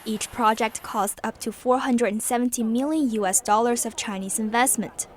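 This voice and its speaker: A woman's voice: on the high side, moderate pace, slight background noise. A woman reporter narrating a scripted news report.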